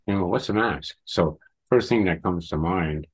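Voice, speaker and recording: Deep-voiced man, halting storyteller. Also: breathy edge, low-quality recording. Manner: halting, hesitant phrasing. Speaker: guest storyteller. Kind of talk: casual spoken storytelling.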